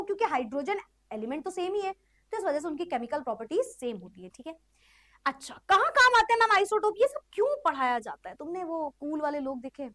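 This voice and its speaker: Very high-voiced chatty woman teacher. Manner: chatty, playful asides to students; repeats herself, checks in often. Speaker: chemistry teacher. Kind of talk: classroom lecture.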